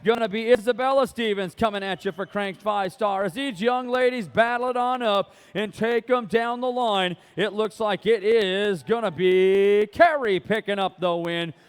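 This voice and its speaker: A man's voice: high-pitched, moderate pace, few pauses, clear, resonant tone. A man doing live race play-by-play as an announcer, in a folksy, slangy, rolling patter.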